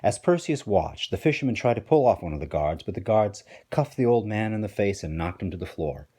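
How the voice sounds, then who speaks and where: A teacher reads a storybook aloud with playful, wry asides, his low voice swinging widely in pitch. The tone is dark and mellow, with a husky texture throughout. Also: animated, brisk.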